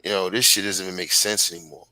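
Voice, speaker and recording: A man's voice: low-pitched, fairly even intonation, fast talker, sharp tone, no room sound, poor audio. A man in his forties from Brooklyn with a Brooklyn accent, a guest on a video call, talking bluntly and profanely in casual chat. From Brooklyn, New York.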